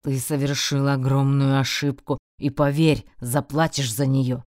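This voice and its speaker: A woman plays a furious young male guardian for an audiobook. He growls very low with a tense, threatening edge, close and dry. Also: level tone, a little slow, a little mellow, no echo.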